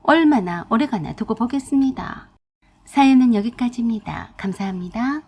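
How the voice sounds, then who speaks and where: A woman's voice: fairly high pitch, lively intonation, moderate pace, darkish tone, husky. A woman narrating a family story in a chatty first-person telling.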